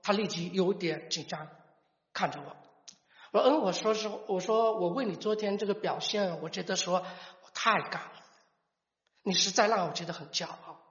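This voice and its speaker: A middle-aged man gives a personal testimony as a father, halting and restarting words as he tells the story. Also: high voice, a bit bright. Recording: echoey hall, dull lo-fi sound.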